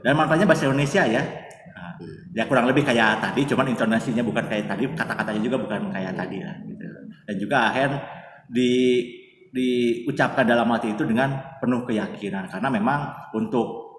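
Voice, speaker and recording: Speaking fairly quickly in a mid-range voice, a man recounts a story as a casual interview guest. His talk is chatty and full of fillers, and he names himself as he goes. Faint noise and a distant, echoing room color the audio.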